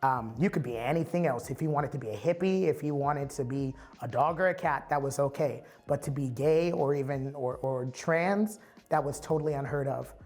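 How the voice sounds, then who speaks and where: A man's voice: mid-range voice, normal speed, darkish tone. A man from the Bay Area giving a candid, reflective personal testimony as a storyteller. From San Francisco Bay Area.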